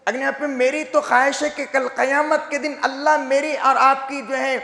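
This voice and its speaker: A young male preacher delivers a Friday sermon with fervor, often breaking into shouts. His voice sits very high and has a gravelly edge. The sound rings with the long echo of a large hall. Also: flat delivery, normal speed. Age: young adult. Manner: impassioned, rising to shouts. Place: mosque hall. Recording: echoey hall reverb.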